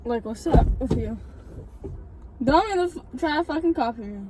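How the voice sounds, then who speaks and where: A woman's voice: high voice, expressive, moderate pace, background noise. A young woman vlogging in a parked car, teasing and swearing a lot in casual chat.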